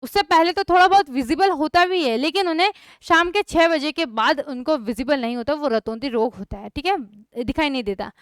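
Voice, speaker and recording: Young woman chemistry tutor, high bright pitch, dry close sound, quizzes the class. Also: brisk, no echo. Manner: repeats questions to students, checks understanding often. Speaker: chemistry teacher. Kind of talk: online class lesson.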